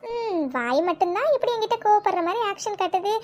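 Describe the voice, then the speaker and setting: A woman voicing a sharp-tongued young female friend in a cartoon serial who teases relentlessly. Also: extremely high pitch, lively intonation, a little hiss or hum. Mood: exasperated. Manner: mocking, quick teasing retorts.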